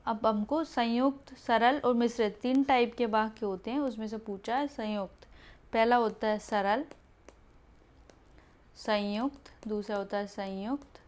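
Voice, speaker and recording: Female teacher, slightly high voice, explains patiently, repeats key answers. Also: a little mellow. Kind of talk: exam-prep Hindi grammar lesson.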